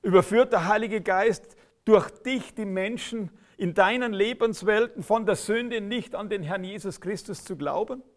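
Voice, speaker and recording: A man preaching a sermon, emphatic, swinging from loud outbursts to quiet intensity. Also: high voice, normal speed.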